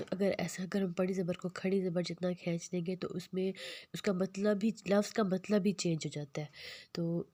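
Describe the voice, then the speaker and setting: A woman teaching Quran reading in a recorded lesson, patiently explaining and slowly repeating letter drills. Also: fairly low pitch, warm tone.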